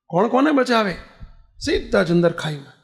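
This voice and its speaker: A man's voice: sits high, normal speed, vocal fry. A man giving a storytelling sermon as a spiritual leader, acting out cries and prayers and speaking straight to his listeners. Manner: animated storyteller, acts out cries and prayers, addresses listeners directly.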